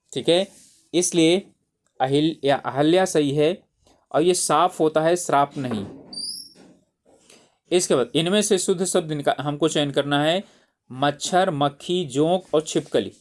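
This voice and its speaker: A man's voice: fairly high pitch, unhurried. A man teaching spelling for an exam, patiently repeating each word and checking in with his listeners. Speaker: Hindi exam tutor. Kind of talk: explaining exam spelling questions.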